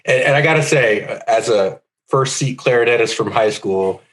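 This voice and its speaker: A man co-hosting a live stream chat, friendly and quick to laugh as he interviews guests. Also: medium pitch, a bit bright. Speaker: co-host.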